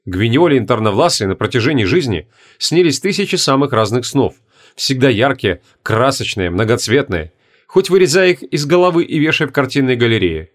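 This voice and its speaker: A man reading a fantasy audiobook in measured, deliberate narration. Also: mid-range voice, big pitch swings. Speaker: audiobook reader. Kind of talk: scripted narration.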